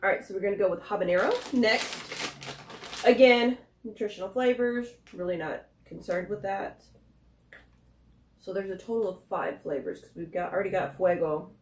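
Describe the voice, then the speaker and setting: A woman's voice: mid-range voice, moderate pace, a little hiss or hum. Woman reviewing snacks in an echoey room. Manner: rambling, thinking aloud between tastes. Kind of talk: casual chat, food taste test. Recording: roomy echo, faint music.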